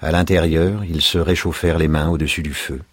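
A man narrating a story in a calm, measured audiobook reading. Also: rumbling low, no room sound.

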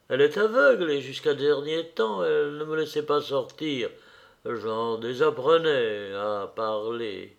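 A man reading aloud as a curious, lonely young woman in a story, slow and questioning, with a gravelly voice. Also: medium pitch, muffled recording, exaggerated voice.

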